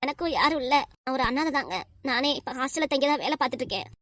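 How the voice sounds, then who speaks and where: A woman's voice: sits high, lively intonation, quick pace, a bit bright, soft background music. A woman voicing an earnest, lovestruck twenty-year-old nurse with a southern Tamil Nadu accent, pleading insistently in a cartoon. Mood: tearful pleading. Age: 20s. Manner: pleading, insistent, talks over objections. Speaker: voice actor. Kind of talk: cartoon voice acting.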